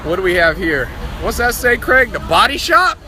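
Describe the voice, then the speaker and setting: A man's voice: high voice, big pitch swings, normal speed, crowd noise, noisy background. A man hosting a casual vlog, joking and quizzing friends on a night out. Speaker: vlog host.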